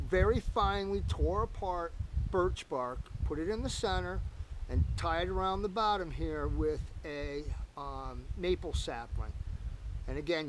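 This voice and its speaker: Talking to camera as he builds a fire at a lakeside campsite, an older man keeps it chatty and folksy, addressing viewers as folks. His voice sits high, and the rough recording from a camera-mounted mic a few meters away carries a little hiss or hum.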